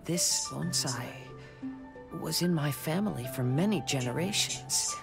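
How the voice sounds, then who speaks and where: A man voicing a calm, thoughtful young male wandering samurai in a video game, speaking in a measured way. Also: fairly high pitch, vocal fry, music in the background.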